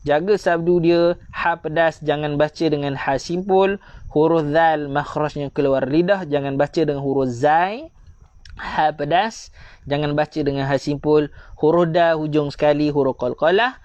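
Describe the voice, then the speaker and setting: A man with a Malaysian accent teaching Quran recitation online, correcting mistakes and repeating slow, drawn-out examples. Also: fairly high pitch, darkish tone, no echo, highs cut off.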